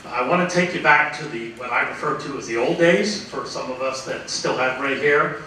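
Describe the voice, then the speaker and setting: An older man in his sixties, heard from a distance, rambles through an award acceptance speech. He tells one anecdote after another with plenty of uh and um. The sound comes through a strongly echoing banquet hall with a steady murmur of room noise. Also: mid-range voice, normal speed. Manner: rambling storyteller, full of uh fillers, acts out quoted voices.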